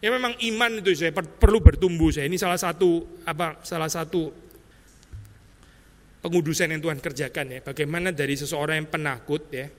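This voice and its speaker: A man's voice: fairly high pitch, fairly quick, long reverb tail. A male pastor giving an expository sermon in a loose, conversational way. He keeps tagging his sentences with little words and slips English terms in among the rest. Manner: conversational preaching, tag words like "ya" and "saya".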